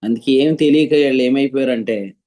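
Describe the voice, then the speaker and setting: A man's voice: mid-range voice, brisk, mellow. A man preaching to an online group, teaching and explaining with examples, asking his listeners questions over a video call.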